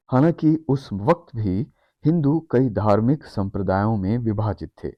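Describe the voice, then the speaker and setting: Low-voiced man reading a scripted explainer. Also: no room sound. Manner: measured, steady read-aloud delivery. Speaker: narrator. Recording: dry, slightly dull studio voice-over.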